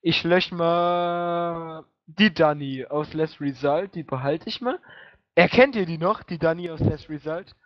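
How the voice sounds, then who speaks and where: A man's voice: fairly high pitch, measured pace, dry recording. A drunk young man with a German accent, swearing crudely in casual voice chat while gaming. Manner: crude, swears a lot, excitable. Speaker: online gamer. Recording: muffled lo-fi voice chat.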